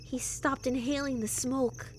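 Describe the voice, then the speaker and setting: A woman's voice: high-pitched, fairly even intonation, measured pace, slight background noise. A young woman streamer reading a story game aloud, playful and laughing between lines.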